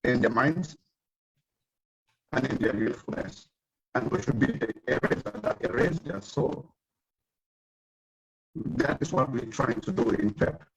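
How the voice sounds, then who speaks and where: A man's voice: medium pitch, measured pace, vocal fry, long pauses, breathy edge. Middle-aged man on a glitchy, crackly call. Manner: hesitant, restarts phrases, apologetic about the tech. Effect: glitchy, crackly call audio that breaks up. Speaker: nonprofit director, panel speaker. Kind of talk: unscripted remarks on an online roundtable. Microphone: video call. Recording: dull, lo-fi, breaking-up online call.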